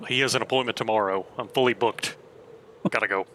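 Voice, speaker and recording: A man's voice: fairly low pitch, fairly even intonation, fairly quick, pushed and bright, low-quality recording. A man casually role-playing as a player in a tabletop game. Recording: clear background noise.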